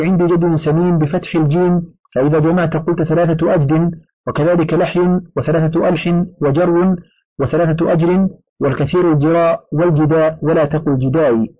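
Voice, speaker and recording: A man reads a classical text aloud in a measured, deliberate manner, his voice pitched a little high. The recording is dull and lo-fi, like an old home-made audiobook. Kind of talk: formal recitation of an old book.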